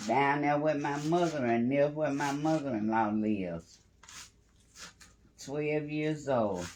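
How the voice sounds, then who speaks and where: A man's voice: mid-range voice, slow, a little mellow, slight background noise. A man hosting a casual live cooking stream from his home kitchen, chatting and greeting viewers by name as he cooks. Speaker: home cooking livestream host.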